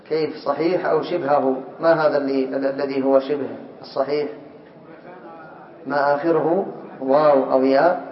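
A man teaching a classroom lesson. He reads a text aloud slowly, then explains it and puts questions to his students. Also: a little high, a little hiss or hum. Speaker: teacher of Arabic morphology. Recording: echoey, dull lo-fi classroom recording.

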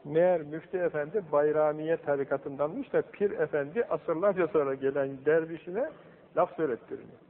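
A man giving a religious talk, telling a story with lively quoted voices. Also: a little high, moderate pace. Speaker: religious teacher. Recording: old tinny recording in a hall.

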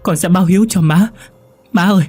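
A man's voice: lowish voice, lively intonation, a little fast, darkish tone, husky, faint music behind. A man voicing a young gambler who turns remorseful, pleading and crying out in anguish. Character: desperate young man, wild gambler turned remorseful son.

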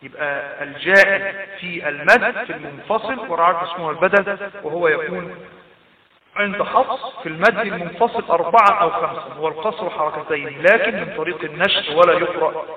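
A man's voice: fairly high pitch, a little fast. A man with an Egyptian accent teaching Quran recitation rules, patiently explaining and repeating terms, chanting verses as examples. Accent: Egyptian Arabic. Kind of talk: tajweed lesson. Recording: echoey, distant, dull lo-fi.

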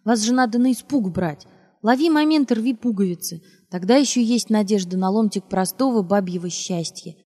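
A woman reading an audiobook who voices a giddy, playful young wife in a loud, teasing, mock-dramatic way. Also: medium pitch, normal speed, close to an everyday voice. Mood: mock-wise. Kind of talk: audiobook character voice.

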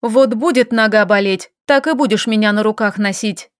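A woman's voice: medium pitch, moderate pace, dry recording, clean studio sound, close to an everyday voice. A woman voicing a fiery, capricious young noblewoman who talks in an indignant, demanding, snappy way in an audiobook.

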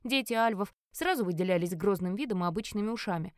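A woman reading a fantasy novel aloud in the first person. Her delivery is expressive and emotional, at a middle pitch. The sound is dry and close, with no room around it. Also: fast talker, no room sound. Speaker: audiobook narrator.

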